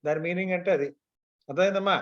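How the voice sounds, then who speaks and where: This is a very fast, high voice with a slightly bright quality, belonging to a man with a Telugu Indian accent teaching online. He explains things step by step in a mix of Telugu and English, frequently checking on his students, and the sound is dull and lo-fi.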